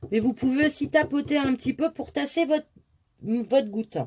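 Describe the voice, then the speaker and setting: A woman's voice: sits high, normal speed, a little mellow. A woman hosting a casual craft tutorial, explaining step by step in a chatty way with many asides. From France.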